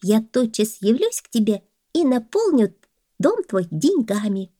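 A tiny mouse with a high, chirpy voice, eager and quick to offer its help, as a woman narrator plays it. The voice sits well above a normal speaking voice and sounds dry and close. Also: very animated, mellow, dry recording.

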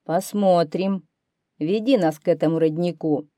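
A woman voicing a proud male lion who rules the forest, in a storybook reading, speaking loudly and firmly. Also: lowish voice, unhurried, no room sound, clean studio sound, natural voice. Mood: commanding. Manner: loud, firm, commanding.

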